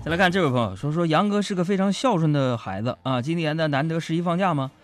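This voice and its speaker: A man with a Northeastern Mandarin accent, hosting a comic radio show and telling listener stories with lively delivery. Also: on the high side, fast. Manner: lively storytelling, acts out quotes. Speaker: radio host reading listener jokes. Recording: radio studio with music bed.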